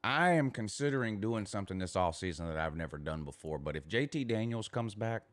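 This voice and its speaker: Deep-voiced and Southern-accented, this morning show host banters about sports in a brisk, expressive way. He sounds cocky and emphatic, keeps circling back over his own phrases and swears casually, and the very dry recording has no echo.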